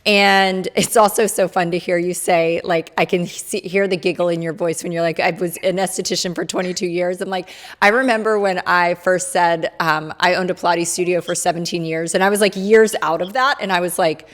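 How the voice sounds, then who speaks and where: A woman's voice: lowish voice, fairly even intonation. Effusive woman podcast host. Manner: enthusiastic, effusive, quick to affirm. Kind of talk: casual interview chat.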